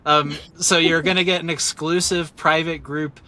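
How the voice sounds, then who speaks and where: Upbeat male host with a bright, slightly high voice, jokes and laughs, reading through a list. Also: level tone, normal speed. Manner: upbeat and joking, laughs a lot. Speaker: podcast host. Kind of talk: casual video call interview.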